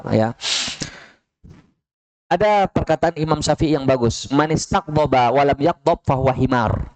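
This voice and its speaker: A man's voice: a little mellow, rough recording. A man preaching at a mosque study session. He argues emphatically, asks rhetorical questions, quotes short Arabic sayings and acts out brief dialogues. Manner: emphatic, rising pitch when making points, rhetorical questions. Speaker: Islamic preacher.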